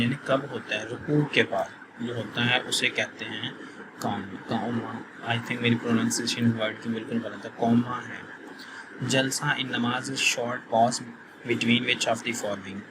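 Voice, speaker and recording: A man, a quiz tutor who reads questions slowly and then explains the answers in a plain conversational tone. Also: medium pitch, heavy background noise. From Pakistan.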